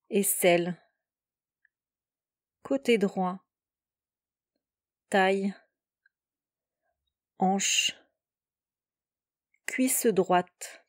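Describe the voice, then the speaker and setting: This relaxation meditation is led by a female yoga nidra instructor with a gentle, mellow, medium-pitched voice. Her slow, calm instructions arrive in brief, distinct phrases, and the recording is close and dry with no room sound.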